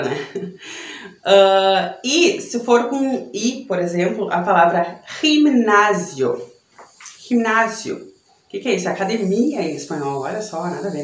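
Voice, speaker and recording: Chatty Brazilian woman teaching Spanish. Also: mid-range voice. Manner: chatty, tag questions after each point. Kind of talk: online language lesson. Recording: echoey room.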